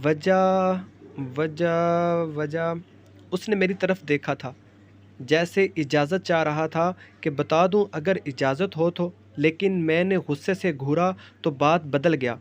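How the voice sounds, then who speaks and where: A man narrating an emotional love story in a reflective, scripted way. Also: on the high side.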